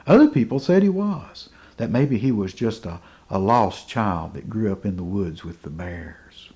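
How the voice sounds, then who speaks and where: A man telling a folk tale in an unhurried, dramatic way, dropping to hushed asides. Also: fairly low pitch, expressive. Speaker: folk storyteller.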